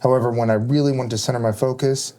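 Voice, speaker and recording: A man's voice: medium pitch, fairly even intonation, quick pace, mellow. A man on a firefighter panel, chatting casually and rambling with lots of fillers. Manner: rambling, many fillers like "kinda" and "like".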